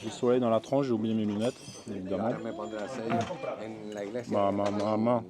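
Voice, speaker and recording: A man's voice: lowish voice, steady tone, moderate pace, over a noisy crowd. A man talking casually to camera in a travel vlog, upbeat and thinking aloud as he walks around town and eats on a terrace. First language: French. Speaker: vlogger. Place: outdoors in a small town, street and terrace.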